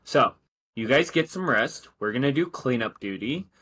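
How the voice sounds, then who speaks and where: A man's voice: mid-range voice, lively intonation, normal speed, fairly bright tone, breathy edge. A man voicing a weary, sarcastic male military lieutenant in a tabletop game. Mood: tired. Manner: sarcastic, questioning.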